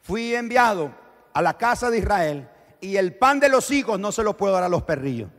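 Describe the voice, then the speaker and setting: A calm but firm Jesus speaks with steady, measured words, voiced by a male preacher. The voice sits somewhat raised but controlled. A long church-hall reverb trails behind. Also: high voice, pitched above the performer's own voice, heavily acted.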